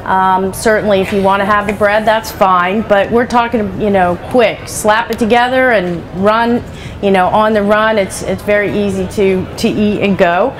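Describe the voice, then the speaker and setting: A woman's voice: medium pitch, fairly even intonation, moderate pace, a little hiss or hum. A middle-aged woman chef giving a live cooking demonstration on a trade show stage, talking in a chatty, practical way with lots of asides. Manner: chatty, practical, many "you know" asides. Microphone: headset.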